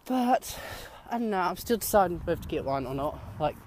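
A man's voice: high voice, lively intonation, a little fast, darkish tone, slight background noise. Rambling guy vlogging outdoors. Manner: chatty, rambling, upbeat. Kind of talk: casual walking vlog. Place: outdoors walking by fields on a sunny day.

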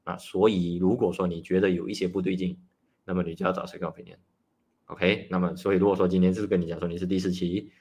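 Low-voiced man giving chatty advice. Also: flat delivery, darkish tone, slightly rough. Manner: chatty and explanatory, starts many phrases with drawn-out "ah". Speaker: nutritionist host. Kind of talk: casual livestream talk.

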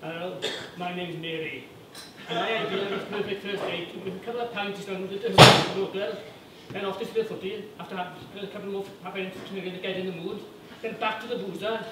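A man's voice: high-pitched, fairly even intonation, fairly quick, pauses often, close to an everyday voice. A man playing a laddish, pub-loving female dating show contestant in a stage comedy sketch, matter-of-fact and blokey. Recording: distant echoey noisy stage recording.

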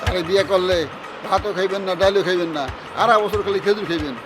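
A cheeky, blunt sidekick, played by an actor who cracks dim jokes in a comedy drama. His voice sits fairly high, and clear music plays behind him. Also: fairly even intonation, a little fast, a crowd in the background, close to an everyday voice, rough recording.

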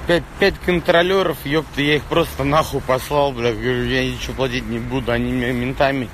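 A man in his thirties ranting casually on a livestream as he walks, swearing constantly like a rough street thug. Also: medium pitch, steady tone, brisk, fairly bright tone. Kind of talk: casual livestream chat while walking. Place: outdoors on a city street. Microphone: phone at arm's length. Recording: noisy outdoor street, traffic.

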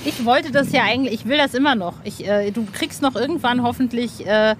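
A woman hosts a podcast on an outdoor roof terrace, interviewing an author in a casual, chatty way with gushing enthusiasm and frequent self-corrections. Her voice is on the high side and a little fast. Ambient terrace noise is audible.

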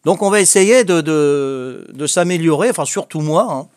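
An older man with a Corsican French accent speaks animatedly at a moderate pace, his voice on the high side yet darkish in tone. Chatting casually on a home video as a language-learning vlogger, he hesitates, restarts, uses lots of fillers and makes little jokes. The recording is dry and studio quality.

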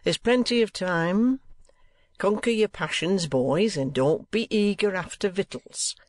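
A greedy, sanctimonious storybook schoolmaster, put on by a man reading aloud, who stretches his words in a slow, oily, moralizing way. The voice sits raised above the reader's own, and the recording is close and dry. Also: high-pitched, dry recording, voice pushed up. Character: greedy, sanctimonious male schoolmaster, middle-aged.

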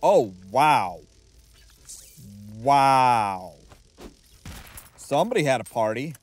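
Slow-paced, animated male game streamer. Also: mid-range voice, faint music behind. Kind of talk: casual game commentary.

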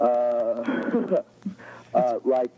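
A man doing a slow, dopey cartoon teenager on a prank call, grunting "uh" and snickering. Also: mid-range voice, expressive, highs cut off. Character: dim-witted teen cartoon boy, slow, snickering. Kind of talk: prank call impression on radio.

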